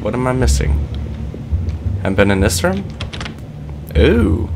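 A man's voice: medium pitch, very animated, measured pace, gravelly, background noise. A young man commentating casually on his own gameplay, nervous and self-mocking. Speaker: let's play commentator. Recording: game music underneath. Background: game music and sound effects.

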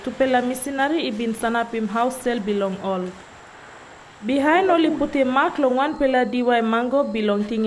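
A woman's voice: fairly high pitch, darkish tone, poor audio. A woman reading scripted documentary narration. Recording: clear background noise with insects.

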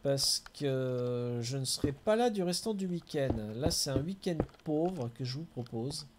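A man's voice: a little high, animated, a little slow, noisy background. A man streaming a game, chatting casually and answering his viewers by name.

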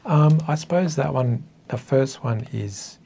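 A man's voice: mid-range voice, measured pace, gravelly, dark tone, slight background noise. An Australian man in his fifties in a casual, reflective chat, speaking hesitantly and thoughtfully, with a self-deprecating way about him. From northern coastal New South Wales, Australia. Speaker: interview guest, author. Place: small indoor meeting room.

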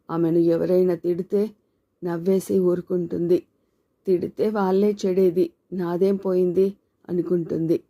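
A woman narrating a novel as an audiobook in a measured, reflective reading. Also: fairly low pitch, mellow.

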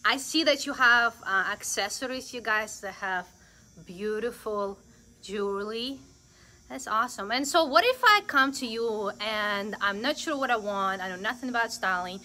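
A young woman with a Southern American accent films a casual live tour of a big indoor clothing boutique on her phone camera, interviewing the shop owner and gushing with praise. Her voice is on the high side and expressive, sharp in tone, at a moderate pace.

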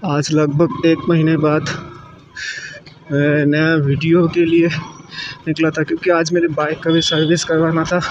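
A young man from India chatting casually while riding a motorbike through city streets, rambling with fillers. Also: a little high. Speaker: motovlogger. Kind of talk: casual motorcycle vlog narration. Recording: muffled with loud road noise.

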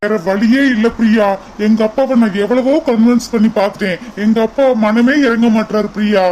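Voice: medium pitch, fairly even intonation, a little fast, darkish tone, faint music behind, close to an everyday voice, poor audio. A voice actor playing an earnest cartoon suitor. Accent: Kanyakumari Tamil. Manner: coaxing, reassuring, repeats her name. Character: young man in love, earnest and coaxing. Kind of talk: cartoon voice acting.

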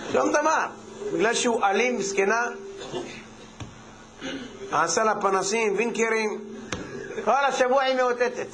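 A man, a rabbi, giving a humorous sermon, telling a parable and acting out its characters in quick back-and-forth dialogue. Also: very high voice, noisy background.

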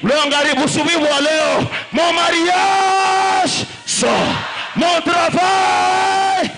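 A man preaching a fervent sermon, shouting and stretching phrases as he calls on the congregation to repeat after him. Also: very high voice, steady tone, extremely slow, a loud crowd, very noisy. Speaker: pastor. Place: church during a live service.

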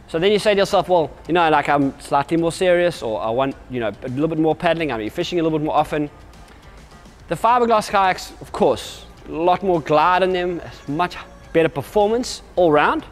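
In a kayak showroom, a company representative with a higher-than-average voice explains the products to a camera at medium distance. He is upbeat and energetic, gesturing constantly and restarting his sentences often.

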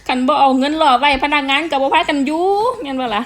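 A woman vlogger with an Isan accent talks to her viewers in a frank, chatty way. Her voice sits a little high, and she laughs often. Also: fairly even intonation, fast talker. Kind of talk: casual chat to viewers.

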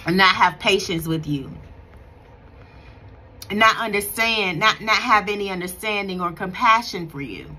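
This woman, a faith vlogger in her thirties, encourages her viewers devotionally from a bright room indoors, with a phone camera close by. She's earnest and preachy yet conversational, restarting often. Her mid-range voice has lively intonation and a moderate pace, pushed and bright, with a little hiss or hum.

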